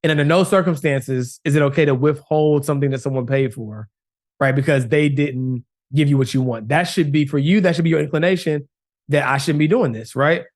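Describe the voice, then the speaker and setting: In a casual podcast chat, a male co-host with a somewhat high voice talks a little fast and emphatically. He often tacks on "right?" as he drives his point home.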